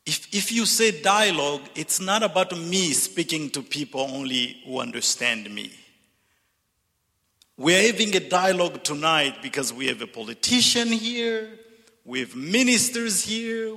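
Casting: Zambian-born man, fairly high voice, slow and earnest speaker, large reverberant sanctuary. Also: pushed and bright. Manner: earnest, deliberate, repeats words when building a point. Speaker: speaker at a church reconciliation event. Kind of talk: reflective speech to an audience. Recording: long hall reverb.

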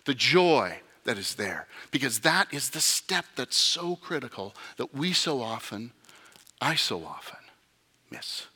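A man's voice: mid-range voice, big pitch swings, unhurried, bright, forceful tone, slightly rough, big-room sound. A male pastor preaching a sermon in a church, telling it as a casual story with frequent "okay?" asides. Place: church sanctuary.

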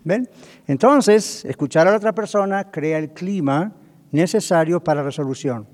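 A man's voice: on the high side, lively intonation, normal speed, a little mellow. A man preaching as a pastor on marriage communication, often checking in with his listeners and acting out quoted speech. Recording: long hall reverb.

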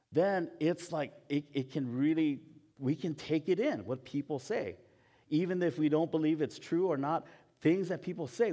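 In a mellow, mid-range voice, a Hawaiian man who pastors gives a sermon that feels like a conversation, woven with personal tales. Chatty and quick to laugh at his own expense, he halts often, restarting lines and leaning on fillers.

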